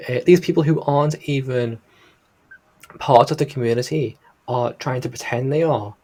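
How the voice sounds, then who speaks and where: A man's voice: medium pitch, normal speed, darkish tone. A man with a Liverpool Scouse accent giving casual, rambling, disapproving commentary in a hesitant way. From Liverpool, England. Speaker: reaction video host.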